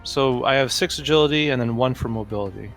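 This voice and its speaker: A man of medium pitch talks quickly and casually as a player in a tabletop roleplaying game, chatting during play. His tone is a bit bright, with faint music in the background.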